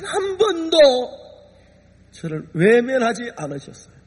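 A man's voice: very high-pitched, wildly swooping pitch, a little slow, husky. A man preaching a sermon as a pastor, emotional and acting out voices as he tells the story. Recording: long hall reverb.

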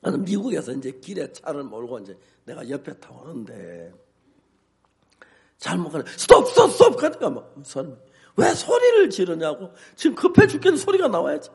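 An older man, a pastor, preaching with humor and telling animated stories, acting out his own shouts and both sides of a quarrel. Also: a little high, moderate pace, creaky. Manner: animated storytelling, acts out shouts. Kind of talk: humorous sermon.

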